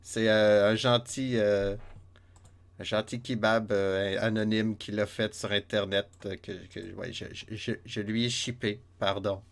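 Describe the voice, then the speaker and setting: A man's voice: lowish voice, little pitch movement, unhurried. A man with a Québécois French accent streaming a retro game live, muttering step counts and chatting with his viewers. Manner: counts steps under his breath, chats with viewers. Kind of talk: live let's play chat.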